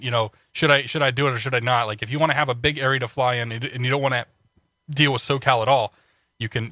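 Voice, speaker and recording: A man with a medium-pitched, sharp-toned voice and no room sound streams a flight sim, chatting casually with his audience. His voice is slightly congested, and the talk is full of restarts and frequent laughs.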